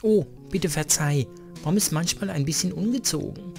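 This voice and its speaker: A man's voice: on the high side, normal speed, gravelly, soft background music, pitched above the performer's own voice. A man voicing a sweet young catgirl stowaway from a video game, speaking in a cutesy, meowing way. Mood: pleading cutesy. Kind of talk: reading game dialogue aloud.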